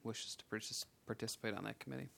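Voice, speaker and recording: A man on staff explaining a committee process in a flat, informative way. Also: lowish voice, quick pace, vocal fry, a little hiss or hum.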